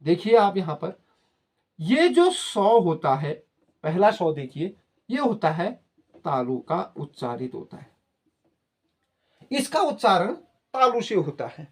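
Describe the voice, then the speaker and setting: A man's voice: high-pitched, very animated, slow, long pauses, breathy edge. A man teaching a Hindi spelling and pronunciation lesson, explaining patiently to students and repeating words. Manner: addresses viewers as children. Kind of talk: spoken grammar lesson.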